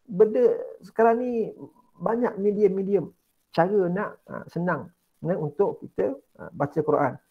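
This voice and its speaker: A man's voice: fairly high pitch, husky, lo-fi sound. A Malaysian male religious studies teacher giving an online exam-prep lesson, coaxing students and repeating key words. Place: indoors, online class.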